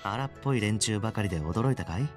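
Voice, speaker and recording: An actor playing a confident young male top gamer, smooth and politely condescending with cool menace, in a Japanese video game. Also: lowish voice, lively intonation, fast talker, music in the background, lightly acted. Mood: friendly.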